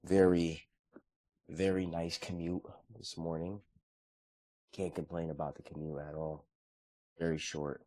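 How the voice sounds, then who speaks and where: In a dry recording, a low-voiced man in his thirties vlogs at a measured pace with long pauses, covering his morning routine and faith. He sounds earnest and relaxed, chatting conversationally and restarting often.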